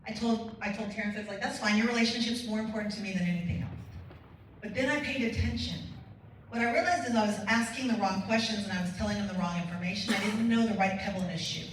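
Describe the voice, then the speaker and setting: A woman's voice: mid-range voice, fast talker, slight background noise. A woman giving a conference keynote, telling stories with quoted dialogue. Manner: energetic storytelling with quoted dialogue. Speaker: motivational speaker. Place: large conference hall. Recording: echoey hall, distant mic.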